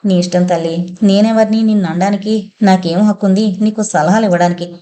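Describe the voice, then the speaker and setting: Soft-spoken older nanny for a storybook reading, slow and hushed, read by a woman. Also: medium pitch, steady tone, natural voice.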